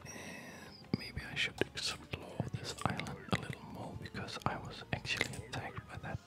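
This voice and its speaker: In a soft, breathy whisper, a male video host narrates a game ASMR-style, taking his time and rambling with some hesitation.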